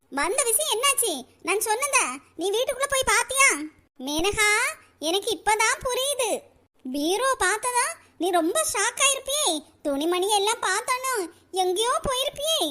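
A meddling village auntie from a comedy cartoon, her pitch sitting at a squeaky extreme. She speaks in a Kanyakumari Tamil accent and stirs trouble with mock sympathy. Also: pushed and bright, heavily acted. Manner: nosy, scheming, mock-sympathetic.

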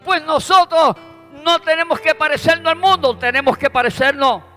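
A man with a Puerto Rican accent preaches with a strikingly high, bright and forceful voice. He is fervent and pushes into shouted praise. The sound is a long church reverb with instrumental music playing behind him. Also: moderate pace. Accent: Puerto Rican Spanish. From Puerto Rico. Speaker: pastor. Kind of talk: preaching a sermon. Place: church sanctuary.

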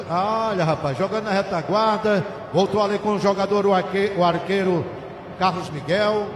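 A man with a Brazilian accent doing colloquial, excitable football narration on radio, full of stock catchphrases. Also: sits high. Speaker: play-by-play football commentator. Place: open stadium press stand. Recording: noisy, echoey live stadium recording. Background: stadium crowd ambience.

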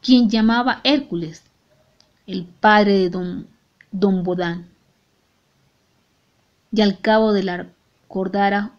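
A woman with a Latin American Spanish accent narrating an audiobook in a measured, grave tone. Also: mid-range voice, highs cut off. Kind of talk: audiobook reading.

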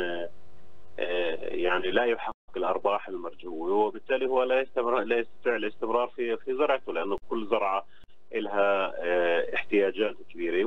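Fast, low-voiced Palestinian man on phone. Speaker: phone-in guest, agriculture official. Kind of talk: interview answers, explaining. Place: on the phone to a radio studio. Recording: dull phone line with clear hum.

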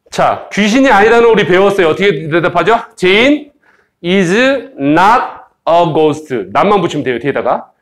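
A man teaching an English grammar lesson in Korean, playful and joking with students, slowly modeling English phrases for them to repeat. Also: sits high. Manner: playful, joking, teasing students, sound effects. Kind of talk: lively recorded grammar lecture.

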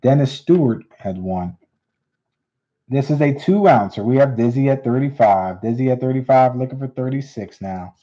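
A man hosting a live coin auction, repeating bids in steady auctioneer patter. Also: mid-range voice, moderate pace. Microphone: unseen, hands on camera. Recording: dull lo-fi stream audio.

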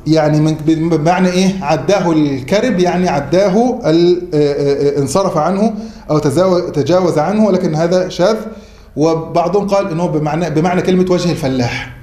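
Lecturing in a classroom or mosque hall, this man speaks with an Egyptian accent and a warm, slightly high voice. He keeps asking his students questions, then supplies the answers himself. The roomy space adds faint noise to the recording.

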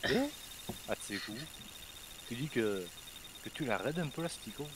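Brief: man, mid-pitched, jokey gaming commentary over voice chat, faint hiss behind. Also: expressive, normal speed. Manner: joking, teasing, chatty. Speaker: gamer commentating. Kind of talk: casual group chat over voice call.

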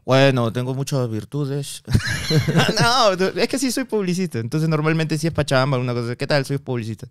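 A man's voice: on the high side, moderate pace, clear, resonant tone, no echo, clean studio sound. A man in his thirties with a Peruvian accent, chatting as a podcast guest, telling stories in slangy talk and acting out the other voices in them. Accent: Peruvian Spanish. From Peru. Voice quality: animated storyteller, acts out dialogue, slangy. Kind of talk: casual chat.

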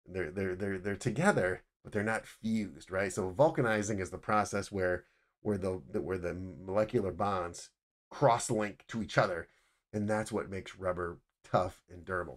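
Middle-aged man, deep voice, casual instructor narrating slides over a webcam. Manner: casual, explanatory, many restarts. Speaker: footwear design instructor.

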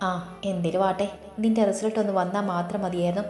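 A woman's voice: mid-range voice, steady tone, fast talker, dark tone, natural voice. A woman voicing a cheerful young student sister-in-law in a storybook reading, talking in a chatty, friendly way, in a roomy recording with faint music.

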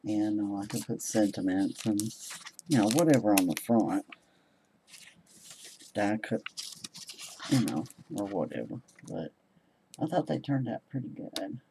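A man's voice: lowish voice, animated, a little slow, gravelly, long pauses, warm tone, slight background noise, low-quality recording. A man casually showing his handmade cards, rambling and hesitant with many ums. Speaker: crafting vlogger. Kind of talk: casual show-and-tell chat.

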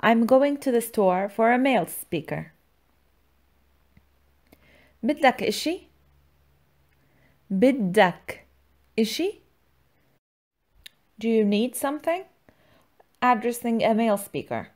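A woman's voice: fairly high pitch, animated, a little slow, pauses often, a little mellow. Woman teacher narrating a scripted lesson. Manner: instructional, enunciates words and repeats them. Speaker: language teacher, channel host.

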